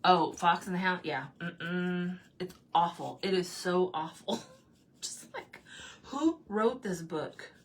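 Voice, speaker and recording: A woman's voice: fairly low pitch, fairly even intonation, takes it slowly. A woman hosting a craft livestream, chatting casually while she paints and answering viewer comments in loose, laughing asides. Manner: laughs often, talks in loose run-on asides.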